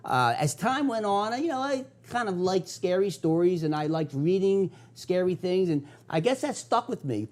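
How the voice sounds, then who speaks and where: An older man from South Philadelphia hosts a local TV talk show with a Philadelphia accent, sounding enthusiastic and conversational. His high-pitched voice is expressive at normal speed, with hardly any pauses, and he drops in filler uhs.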